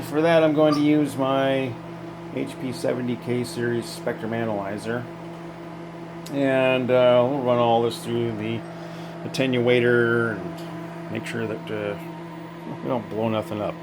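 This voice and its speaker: In a low-quality recording, a hobbyist with a mid-range voice thinks aloud through an unplanned technical demo. His manner is relaxed, folksy, and hesitant.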